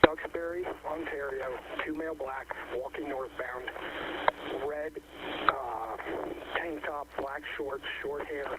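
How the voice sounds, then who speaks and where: A man's voice: medium pitch, steady tone, takes it slowly. A man working as a police officer, heard over a police radio transmission, giving terse, urgent reports. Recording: noisy distant police radio.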